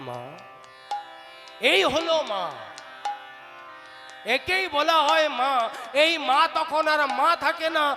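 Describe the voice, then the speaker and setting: A man's voice: extremely high pitch, slow pace, long pauses. A man preaching a devotional kirtan sermon, asking his listeners questions as he tells the story. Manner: animated, addresses listeners with questions. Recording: live sermon with music behind. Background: devotional music.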